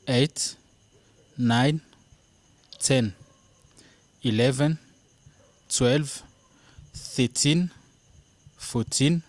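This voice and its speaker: A man leading a counting drill, saying each number loudly with a pause after it. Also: mid-range voice, no room sound. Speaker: language teacher.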